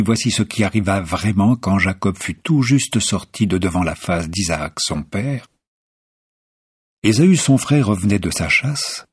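A man reading a scripture passage as scripted narration, in a measured, even manner. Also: sits low, breathy edge, no echo, studio quality. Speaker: scripture reader.

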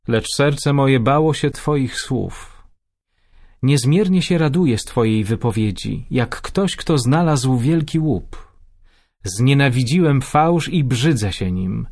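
A man reads scripture aloud in a solemn, measured way. His voice sits at an ordinary male pitch, neither deep nor high, and he reads every verse evenly. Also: a little mellow.

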